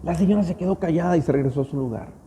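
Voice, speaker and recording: A man's voice: a little high, very fast, mellow, a little hiss or hum. A man pastor with a Mexican accent, preaching a sermon as a storyteller who builds to emphatic peaks. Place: church. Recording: long church-hall reverb.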